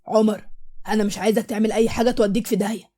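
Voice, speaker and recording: A woman's voice: mid-range voice, fairly even intonation, very fast, dark tone, close to an everyday voice. A woman with an Egyptian accent voicing a kindly older male doctor, fatherly and reassuring. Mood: concerned. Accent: Egyptian Arabic. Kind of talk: storybook voice acting.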